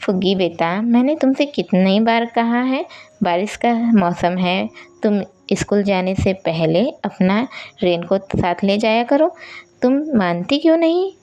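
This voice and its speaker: A woman voicing a caring middle-aged father who scolds his daughter gently. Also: mid-range voice, expressive, unhurried, highs cut off, natural voice. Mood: scolding.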